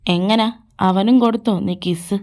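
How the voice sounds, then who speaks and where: A woman's voice: steady tone, darkish tone, close to an everyday voice. A woman voicing a jealous, possessive young man in a fan audio drama, taunting and domineering. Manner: taunting, domineering, slow and low. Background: faint background music.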